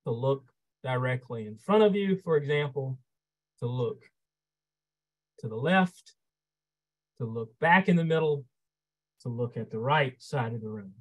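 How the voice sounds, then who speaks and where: A man, a trial lawyer, giving an instructional webinar talk, expressive and measured, shifting loudness and pace to stress his points. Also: medium pitch, low-quality recording. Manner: measured, explanatory, occasional fillers.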